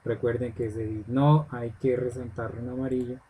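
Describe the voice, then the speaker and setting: A man's voice: medium pitch, flat delivery, moderate pace, mellow, a little hiss or hum, poor audio. A man teaching English grammar step by step in a screen-recorded lesson, often checking in with "ok?". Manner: patient step-by-step explaining, checks in with "ok?".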